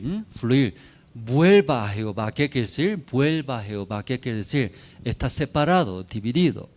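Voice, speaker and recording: In a church, a man with a medium-pitched voice delivers a sermon in simple, broken phrases, repeatedly checking in with his listeners through short tag questions.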